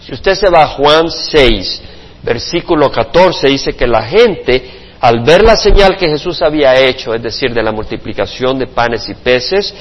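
Male pastor, sermon delivery, husky voice, muffled reverberant church recording. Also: mid-range voice, a little slow. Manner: expressive preaching with sound effects and acted quotes. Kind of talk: sermon Bible study.

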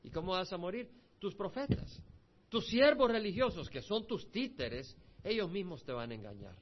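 A man's voice: sits high, sing-song, moderate pace. A pastor preaching an expository Bible sermon, reading scripture aloud and then explaining it with asides to his listeners. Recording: muffled lo-fi recording.

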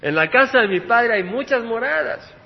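High-voiced preacher in a reverberant hall. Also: male voice, animated, normal speed, gravelly. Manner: preaching with rhetorical questions, swinging from loud to hushed. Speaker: pastor. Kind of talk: sermon. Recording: dull lo-fi recording with long hall reverb.

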